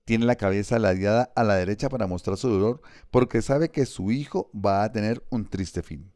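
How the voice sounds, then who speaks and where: Male audiobook narrator, measured and vivid, dry close sound. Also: fairly low pitch, darkish tone, no room sound.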